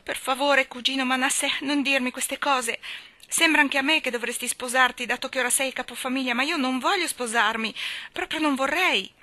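A woman's voice: medium pitch, a little fast, bright, forceful tone, dry recording, close to an everyday voice. A woman voicing a shy young woman who trembles and pleads as she refuses a suitor, read in an audiobook. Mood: pleading.

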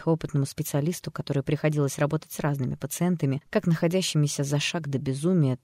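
An even, measured audiobook narrator reading a psychological thriller chapter. The voice is mid-pitched and recorded dry and close, with no room sound. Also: no echo.

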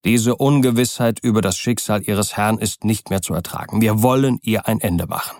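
A man's voice: fairly low pitch, normal speed, darkish tone, dry recording, clean studio sound, natural voice. A man reading as a stern commanding lawyer. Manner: firm, commanding. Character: stern determined male lawyer, middle-aged.

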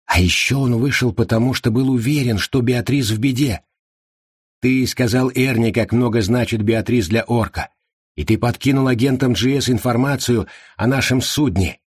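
A man voicing a sharp, probing man who presses an AI with accusing questions in an audiobook. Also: medium pitch, moderate pace, husky, no room sound, studio quality, pitched above the performer's own voice, natural voice.

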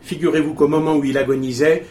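A man's voice: on the high side, level tone, quick pace, mellow, echoey room, lightly acted. An actor playing a man who teasingly builds suspense while breaking news to a group. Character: male investigator announcing news to a group.

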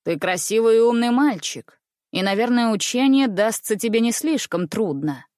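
A woman's voice: on the high side, expressive, moderate pace, a little mellow, dry recording, clean studio sound, natural voice. A woman reading aloud, voicing a genial, commanding stout male circus director in a storybook. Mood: businesslike.

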